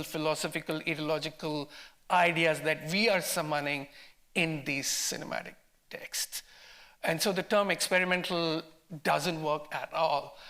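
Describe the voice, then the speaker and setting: Speaking with an Indian accent, a film director appears as a panel guest at an academic post-screening discussion. His voice is a little high, pushed and bright, and he talks emphatically, repeating words as he works through his ideas.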